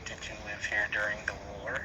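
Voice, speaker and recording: Male paranormal investigator, lowish voice, soft spaced-out questions to unseen spirits, clear background noise. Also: monotone, a little fast. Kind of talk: questioning spirits aloud in a recording session. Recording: clearly noisy amateur field recording.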